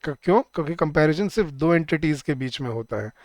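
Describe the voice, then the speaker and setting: A man leads an exam-prep grammar lesson, moving between Hindi and English. His voice sits a little high, and the sound is dry and close. He asks questions and answers them himself, reading the example sentences slowly. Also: animated, darkish tone, no echo. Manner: slows down when he reads out the example sentences. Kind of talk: online exam-prep class.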